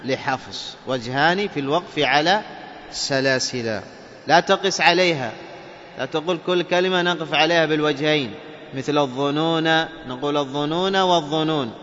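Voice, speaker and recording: A man teaching Quran recitation rules, explaining step by step, asking and answering his own questions, and chanting verses slowly as examples. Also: a little high, fairly bright tone. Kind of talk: tajweed lesson with chanted examples. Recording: dull reverberant hall recording with faint noise.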